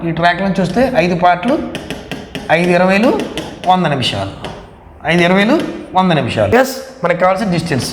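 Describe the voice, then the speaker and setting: A man's voice: high voice, slight background noise. A man with a Telugu accent teaches maths in a mix of Telugu and English, posing questions and answering them himself. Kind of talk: classroom lesson working through problems. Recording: echoey hall-like room with long reverb.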